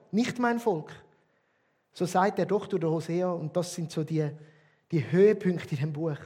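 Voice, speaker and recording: A man with a Swiss German accent preaching a sermon as a pastor, emphatic, with loud stresses and quiet drops. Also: high voice, breathy edge.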